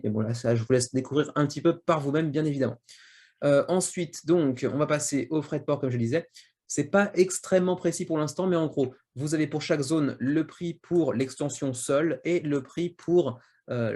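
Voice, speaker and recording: At home in Japan, a man hosting a board game channel rambles casually through crowdfunding projects in a video review. His medium-pitched voice has a darkish tone, and his narration is full of fillers and restarts.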